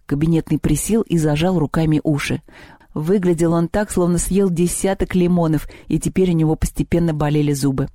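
A woman narrating a children's story with a lively, expressive reading. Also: deep voice, no room sound, studio quality.

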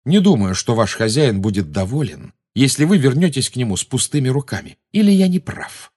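A man's voice: mid-range voice, very animated, a little fast, a little mellow, breathy edge, pitched above the performer's own voice. Man voicing a defiant teenage boy wizard. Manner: defiant, taunting.

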